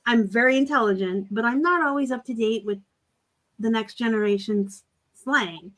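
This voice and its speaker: A woman in her forties co-hosts a casual reseller live chat, telling a story bluntly and with jokes. Her voice is on the high side and a bit bright, at a moderate pace.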